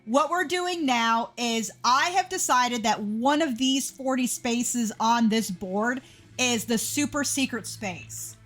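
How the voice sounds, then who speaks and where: Chatty woman streamer, slow-paced. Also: fairly high pitch, fairly bright tone. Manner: chatty, laughs easily, talks to chat. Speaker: game streamer. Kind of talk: casual livestream chat.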